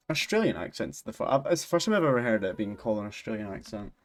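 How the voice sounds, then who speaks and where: This man from Scotland has a fairly low voice with big pitch swings and talks fast. He's casually chatting on stream as he games and reads chat, rambling along and laughing a lot.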